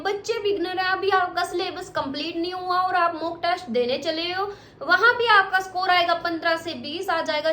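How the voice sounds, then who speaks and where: Brief: woman coach, very high voice, blunt and repetitive, echoey room. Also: bright, forceful tone, a little hiss or hum. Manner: direct, scolding, repeats points. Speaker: exam coach. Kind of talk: motivational study advice to students. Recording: echoey room with faint ambience.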